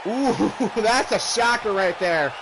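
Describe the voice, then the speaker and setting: A man doing excited play-by-play as a wrestling commentator, exclaiming and often shouting out the moves. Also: sits high, takes it slowly, crowd noise. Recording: clearly noisy background.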